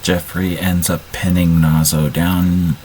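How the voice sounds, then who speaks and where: Deep, slow-talking man at role-play. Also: flat delivery, a little mellow, slight background noise, poor audio. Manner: halting, restarts sentences. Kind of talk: casual role-play narration.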